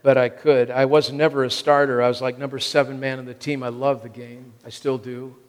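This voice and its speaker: A brisk American preacher in his sixties addresses a congregation in short, emphatic phrases that he repeats to drive them home. His mid-range voice is level and clean-toned, echoing with the long reverb of a big hall.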